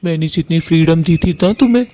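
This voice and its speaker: A man's voice: a little high, fast, warm tone, natural voice. A man voicing a stern, protective father bird in a cartoon who gives firm commands. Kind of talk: Hindi cartoon voice acting.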